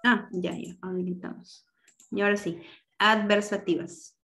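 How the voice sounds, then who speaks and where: A woman's voice: medium pitch, steady tone, a little slow, a bit bright. Woman teacher, directive online class voice, patient explainer.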